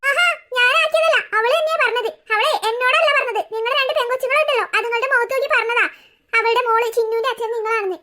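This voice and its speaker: A woman voicing a fiery middle-aged wife and mother in a cartoon, sharp and confrontational. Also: very high voice, fast. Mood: furious. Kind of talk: cartoon dubbing.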